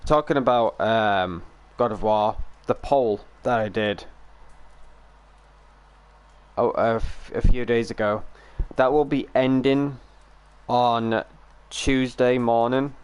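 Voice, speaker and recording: His throat still a little sore and strained, a young man rambles and gripes during a casual live-streamed gaming session. The mid-range voice comes slowly and clearly, with a resonant tone.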